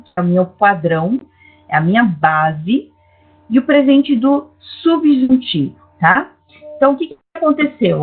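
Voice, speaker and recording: A Brazilian woman teaching an online class, patiently explaining grammar and checking in with her students. Her voice sits fairly high and a little husky. The sound is tinny and phone-like, with faint music behind. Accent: Brazilian Portuguese. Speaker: Greek teacher. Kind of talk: online lecture.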